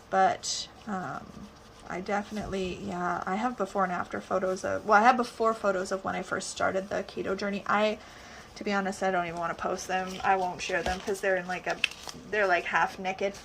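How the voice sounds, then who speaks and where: A Canadian Prairie woman talks casually and playfully as she works on a client's nails. She laughs often and teases back and forth. Clicks and sanding rasp loudly behind her voice. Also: medium pitch, moderate pace. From Saskatchewan, Canada. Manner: bubbly, teasing, laughs easily. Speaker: nail technician, channel host. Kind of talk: casual chat while working. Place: nail salon, indoors. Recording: noisy salon, nail sanding behind.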